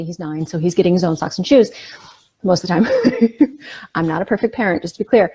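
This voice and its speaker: A woman's voice: medium pitch, warm tone, breathy edge. A middle-aged woman coaching parents in a casual, conversational talk, often checking in with "right?" and "you know".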